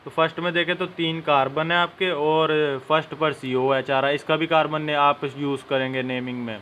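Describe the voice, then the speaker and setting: A man's voice: on the high side, a bit bright, a little hiss or hum. A young man teaching a chemistry lesson step by step and speaking directly to his students. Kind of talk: classroom-style lesson.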